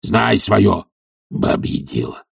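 A man voicing a surly, stubborn old male servant in a hoarse, low mutter, for an audiobook. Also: sing-song, slow, no echo, clean studio sound, full character voice. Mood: gruff.

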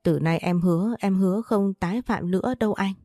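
A woman's voice: medium pitch, brisk, dark tone, dry recording, studio quality, natural voice. A woman reading a story aloud, voicing a desperate older first wife who begs her husband for mercy. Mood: pleading. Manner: begging, pleading.

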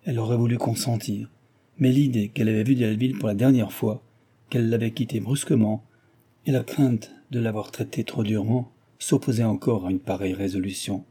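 A man reading a classic novel aloud in a calm, measured narrating voice. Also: lowish voice, breathy edge. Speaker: audiobook reader. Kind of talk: literary narration.

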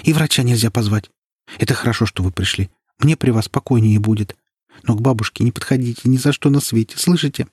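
A frightened young woman, voiced by a man pleads urgently through tears. Her tone is raised and husky, with a dry close sound. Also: medium pitch, fairly even intonation, fairly quick, hardly any pauses, darkish tone, no room sound, pitched above the performer's own voice, natural voice. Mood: frightened, imploring. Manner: urgent, imploring. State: crying. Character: young granddaughter maid, frightened and tearful.

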